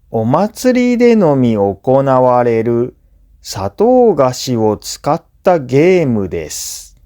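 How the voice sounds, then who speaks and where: A slow, mellow male narrator with a mid-range voice, whose first language is Japanese. He is a language teacher reading listening practice, delivering scripted educational narration in a measured, clearly phrased explanatory way.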